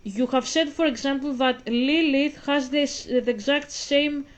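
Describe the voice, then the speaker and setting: A Greek vlogger of twenty-five, whose first language is Greek, talks in English with a high voice, fairly even intonation and a measured pace. Her commentary is casual and rambling, full of self-interruptions, and addressed straight to her viewers.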